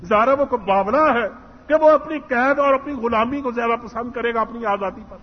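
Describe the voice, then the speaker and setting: A man with a very high, husky voice gives an earnest religious lecture, telling a story and voicing its dialogue. The recording is muffled and carries a long echo from a large hall. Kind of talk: Islamic lecture.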